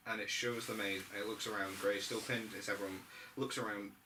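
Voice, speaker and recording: At an amateur script read-through, a man reads the stage directions aloud, occasionally stumbling over the text. His voice is lowish and level with a brisk pace, picked up by a distant mic with faint room noise.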